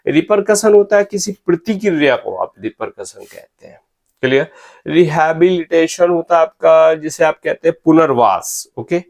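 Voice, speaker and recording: Male tutor, unhurried lecture, spells words out one letter at a time, keeps asking "clear?". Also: a little high, animated, darkish tone. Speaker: English teacher. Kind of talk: spelling lecture in Hindi mixed with English.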